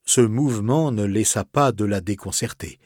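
A man reading a classic novel aloud as narrator, expressive and softly dramatic. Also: fairly low pitch, moderate pace, no echo, clean studio sound. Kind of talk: literary audiobook reading.

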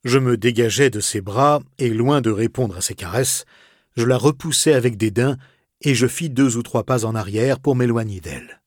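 A man reading a classic novel aloud as narrator, expressive and softly dramatic. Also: mid-range voice, normal speed, no room sound, clean studio sound. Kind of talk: literary audiobook reading.

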